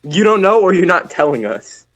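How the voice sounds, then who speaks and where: A man chatting casually as a player in an online tabletop game, swearing freely and exclaiming loudly. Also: high-pitched, big pitch swings, normal speed.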